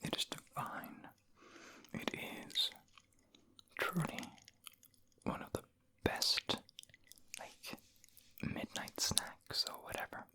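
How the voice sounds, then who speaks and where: A person whispering an ASMR food review in a breathy, unvoiced voice, savoring and unhurried, close to the microphone. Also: sharp tone. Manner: savoring, unhurried, with eating and mouth sounds. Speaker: ASMR video creator and host.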